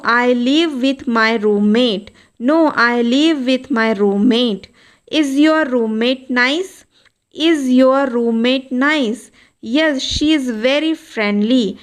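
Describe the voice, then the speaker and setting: A woman teaching beginner English, reading each line of a simple dialogue twice in a slow, even drill. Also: a little high.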